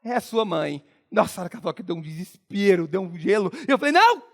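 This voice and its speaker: A young Brazilian man with a Brazilian Portuguese accent, giving a motivational speech and acting out his own story, swinging from hushed to shouting. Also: high-pitched, a little fast. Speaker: motivational speaker.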